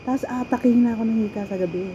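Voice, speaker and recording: A middle-aged woman from the Philippines telling stories from her life in a casual, animated way, often laughing and acting out quoted lines. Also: a little high, racing. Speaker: storyteller sharing her life. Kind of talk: casual personal storytelling. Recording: dull, lo-fi with faint background noise.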